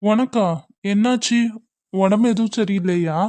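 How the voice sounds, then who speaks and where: A reserved young man in a homemade cartoon, voiced by a woman, calm and caring. The voice sits low and mellow, recorded dry with no room sound. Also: normal speed, dry recording, close to an everyday voice. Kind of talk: amateur cartoon voice acting.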